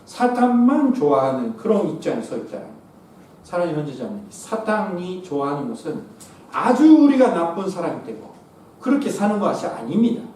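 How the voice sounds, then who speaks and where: A male pastor who grew up in Japan, preaching a sermon with animated swings between loud exclamations and quiet asides. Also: sits high, brisk. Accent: Korean spoken by someone born in Japan. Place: church sanctuary. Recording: echoey church from a distance.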